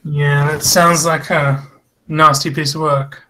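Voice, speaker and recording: Male tabletop player: bright, flat, matter-of-fact in-character talk. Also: on the high side, takes it slowly. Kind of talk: playing a character in a tabletop game.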